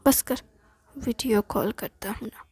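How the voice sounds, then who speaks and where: A woman's voice: on the high side, measured pace, darkish tone, breathy edge, no echo. A woman voicing a doting, scolding middle-aged mother in a whispered role-play, in a reproachful manner. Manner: nagging, reproachful.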